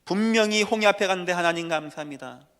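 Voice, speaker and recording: Male pastor, sermon, higher-pitched, hushed-to-booming delivery, reverberant sanctuary. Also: fast talker, clear, resonant tone. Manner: emphatic, swings between hushed and shouted lines. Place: church sanctuary. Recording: long church reverb.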